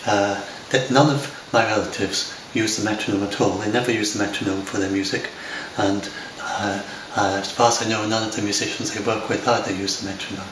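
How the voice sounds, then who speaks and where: This older English-accented software developer, resident in Scotland, talks to camera off the cuff with fillers, restarts and plenty of hesitation, yet moves fairly quickly with hardly any pauses. His voice is lowish with fairly even intonation. The setting is a home room with large windows, filmed by a far camera, and the audio is roomy, distant and noisy.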